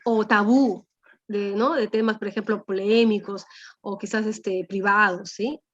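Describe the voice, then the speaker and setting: Here the same kind of classroom scene plays out: a female teacher explains a language lesson at a measured pace, her medium-pitched voice fairly even in intonation, frequently using tag questions to engage the class. There's a little hiss or hum over the dull lo-fi audio.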